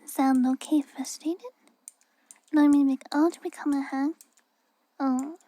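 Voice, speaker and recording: Soft, high, cute anime-girl streamer woman. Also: fairly even intonation, unhurried, no room sound. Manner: cute, gentle, often breaking toward a whisper. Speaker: livestreamer. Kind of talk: soft casual livestream chat.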